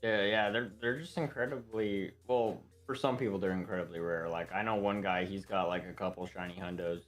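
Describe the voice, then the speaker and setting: A man's voice: sits low, steady tone, fairly quick, fairly bright tone, soft background music. A man chatting casually on a game stream, rambling and joking with lots of swearing.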